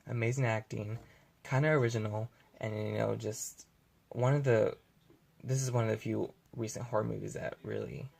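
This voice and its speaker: Gravelly-voiced young man rambling casually. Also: lowish voice. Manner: rambling, filler-heavy, self-correcting. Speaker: vlogger. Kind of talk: casual unscripted video review.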